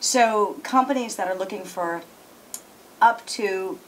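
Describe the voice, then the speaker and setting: A woman's voice: mid-range voice, measured pace, a bit bright, slight background noise, low-quality recording. A woman interviewing a guest, eager and upbeat, often checking that she has understood. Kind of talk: business interview. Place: executive briefing center.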